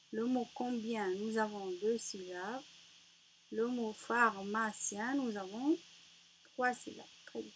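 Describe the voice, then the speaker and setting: A woman teaching a reading lesson to young children, slow and patient, praising answers and sounding out each word. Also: on the high side, slight background noise. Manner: patient, encouraging, spells out syllables. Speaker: primary school teacher.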